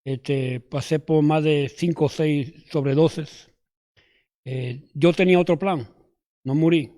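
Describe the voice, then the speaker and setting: New york spanish accent guy, nervous testimony, mellow voice, kinda high. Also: fairly even intonation. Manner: nervous, halting, with restarts. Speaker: guest giving testimony. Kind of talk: personal testimony.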